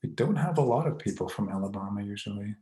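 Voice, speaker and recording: A man's voice: fairly low pitch, animated, fast, dark tone, reverberant. A man hosting a casual live online Q&A. He reads viewer comments aloud, greets people by name, and chuckles often.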